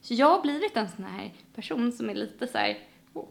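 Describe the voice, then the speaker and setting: A woman from Sweden chatting casually. She tells stories with lots of energy, acting out what people said, in a slightly high voice with a gravelly fry running through it. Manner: animated storyteller, acts out quotes. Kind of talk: casual chat.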